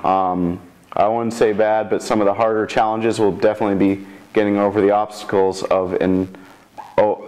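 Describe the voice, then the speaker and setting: A young man with a low voice gives an informal interview as a student developer. His intonation stays flat, and he often stops to rephrase what he is saying. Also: poor audio. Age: 20s. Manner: halting, frequently rephrasing mid-sentence. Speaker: computer science student developer. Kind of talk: informal interview about a project.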